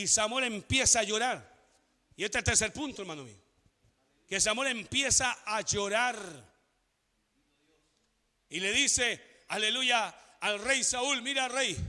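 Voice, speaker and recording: A man preaches with fervor as pastor, his voice sitting very high and sharply bright. He often swells into shouting. The sound rings out with a long church-hall reverb. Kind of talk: sermon.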